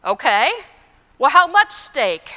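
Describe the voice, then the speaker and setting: Jovial male butcher, put on by a woman preacher in a joke, high bright voice, playful questions, echoey hall. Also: very animated, slow pace, exaggerated voice. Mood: teasing.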